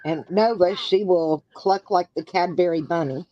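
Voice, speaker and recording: A woman hosting a casual live chat, talking in a homey, drawn-out way. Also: fairly low pitch, dark tone, highs cut off, a little hiss or hum. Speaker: livestream host.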